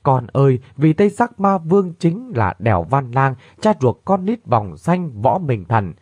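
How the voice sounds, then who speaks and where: A man's voice: medium pitch, sing-song, measured pace, a little mellow, no room sound, dull audio. A man voicing a grieving middle-aged mother who tells her story through sobs in a read-aloud tale. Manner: sobbing, trembling lament.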